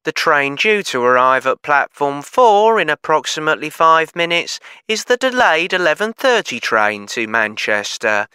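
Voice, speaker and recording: Male actor as a train station announcer, formal and measured, bright clear tone, dry studio sound. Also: a little high, big pitch swings, no echo. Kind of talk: scripted exam recording.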